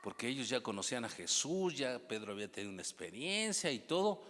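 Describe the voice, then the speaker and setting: A man preaching a sermon as pastor, moving from hushed passages to loud exclamations, with humorous asides and prompts to the congregation. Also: medium pitch, very animated, quick pace, in a large hall.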